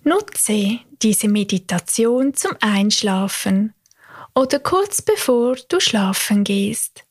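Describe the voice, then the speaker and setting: A woman hosting a guided sleep meditation, speaking in a gentle, soothing, unhurried manner. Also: medium pitch, very animated, no echo, studio quality. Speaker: meditation podcast host. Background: New-age music.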